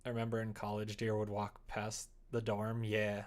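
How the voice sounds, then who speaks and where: While building a visual novel on a casual livestream, this man mutters to himself with wry humor, thinking out loud as he codes. His voice is on the low side and monotone, moving at a moderate pace.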